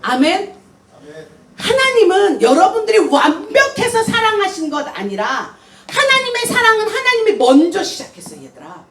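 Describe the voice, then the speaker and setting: High-voiced animated woman preaching. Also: moderate pace. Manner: animated, asks many questions, speaks casually to the kids. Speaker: missionary preaching to young people. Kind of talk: sermon. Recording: echoey room, voice heard from far off, faint noise.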